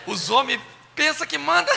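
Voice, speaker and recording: A man with a Brazilian accent preaching a humorous sermon, animated and playful, sometimes shouting. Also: sits high, measured pace, gravelly, slight background noise. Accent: Brazilian Portuguese. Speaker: pastor. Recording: long reverb of a church hall.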